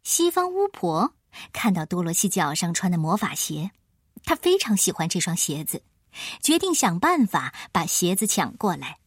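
A woman storyteller giving expressive scripted narration of a children's tale. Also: on the low side, normal speed, husky, no room sound, clean studio sound.

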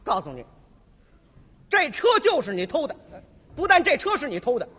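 A woman's voice: sits high, very animated, normal speed, a bit bright, big-room sound. A man voicing a suspicious older woman coworker who makes stubborn accusations. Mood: accusing.

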